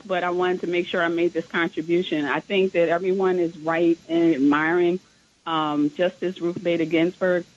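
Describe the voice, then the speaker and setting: A woman caller comes through a clipped, muffled phone line on a radio talk show. She explains her point in a measured way, pausing often with "um" as she builds her argument. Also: fairly low pitch. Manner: measured, explanatory, with frequent "um" pauses.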